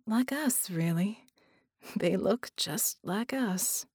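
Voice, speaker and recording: Woman reading as a calm level-headed heroine, plain voice, dry sound. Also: mid-range voice, takes it slowly, husky, no echo, full character voice. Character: steady adult woman illusionist.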